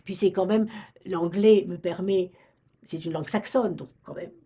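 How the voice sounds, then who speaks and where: In an oral history interview, an older woman who worked as a librarian in Romania remembers her past, hesitating with frequent restarts and fillers. Her voice is on the low side, warm and slightly rough, at normal speed.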